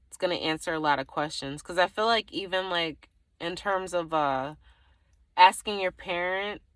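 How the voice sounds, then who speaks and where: On a dry recording, a woman at a moderate pace, with a fairly low and fairly bright voice, reads tarot for the viewer off the cuff. She thinks aloud loosely, letting thoughts trail away and then circling back to them.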